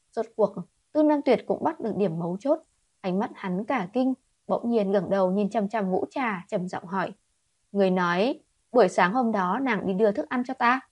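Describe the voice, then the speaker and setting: A woman reading a romance novel aloud in steady scripted narration. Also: mid-range voice, breathy edge, dry recording. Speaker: audiobook reader.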